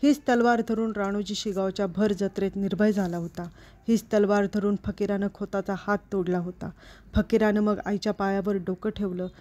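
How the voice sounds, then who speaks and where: A woman storyteller reading a novel aloud in a steady, expressive literary narration. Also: mid-range voice, moderate pace. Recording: dull lo-fi recording.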